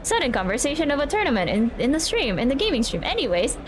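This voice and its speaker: A young Filipino woman whose first language is Tagalog chats casually with viewers on a live stream against a noisy background. Her high voice is sing-song and fast, and she rambles, restarting words and repeating "I, I."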